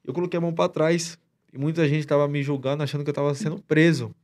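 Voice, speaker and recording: A man's voice: fairly high pitch, level tone, fast talker, a little mellow. A man as a podcast guest, retelling a story in a rambling, slangy way with many restarts. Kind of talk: casual storytelling chat.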